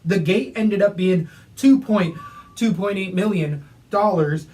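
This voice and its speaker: High-voiced man co-host, distant mic. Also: unhurried, darkish tone. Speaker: podcast co-host. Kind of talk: casual chat.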